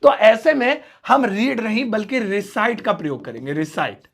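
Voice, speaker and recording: High-voiced man teaching English basics. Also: expressive, normal speed, vocal fry. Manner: explains patiently, repeats key words, acts out examples. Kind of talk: spoken English lesson in Hindi.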